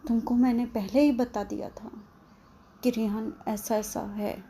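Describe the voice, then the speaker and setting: A woman's voice: a little high, steady tone, a little slow, mellow, slight background noise. A woman voicing a fierce, loyal young wife. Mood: angry. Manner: angry, insistent.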